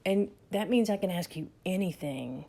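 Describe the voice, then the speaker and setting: A woman's voice: on the low side, lively intonation, normal speed, vocal fry, dark tone. A woman voicing her mischievous young nephew, who plays it serious. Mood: earnest.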